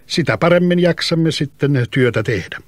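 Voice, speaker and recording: Guy doing tired woodcutter father, gentle coaxing, bit higher voice, dry. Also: dry recording, natural voice. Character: weary, cautious woodcutter father. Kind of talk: storybook reading.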